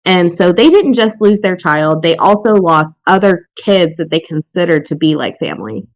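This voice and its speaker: A woman hosting a casual true crime podcast chat, blunt and quick to swear. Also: lowish voice, expressive, no room sound, lo-fi sound. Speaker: podcast host.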